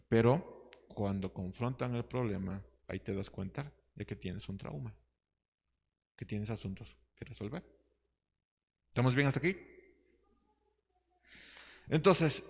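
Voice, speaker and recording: A man with a lowish, gravelly voice leads a Bible study class, reading scripture aloud and asking his listeners questions. The recording carries hall reverb.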